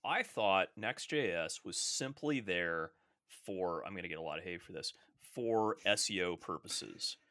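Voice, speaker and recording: A man's voice: sits low, animated, a little slow, pushed and bright, dry recording. A man co-hosting a casual tech podcast, talking loosely with lots of fillers and asking his co-host to explain. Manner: casual, filler-heavy, questioning.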